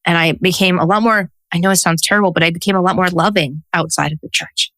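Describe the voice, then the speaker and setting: Guest, woman, 40s, social worker turned coach; lively storyteller, lowish pitch, dry mic. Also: fast, dry recording. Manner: animated storyteller who acts out quotes. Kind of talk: casual interview conversation.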